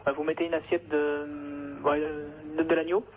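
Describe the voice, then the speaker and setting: A man's voice: a little high, little pitch movement, moderate pace, crowd noise. A man at a trucking firm, talking on the phone and growing flustered, protesting over and over. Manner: flustered, keeps protesting with repeated "non, non". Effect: heard over a telephone line. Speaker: employee of a trucking firm answering a call. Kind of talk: unscripted phone conversation. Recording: noisy, narrow telephone line.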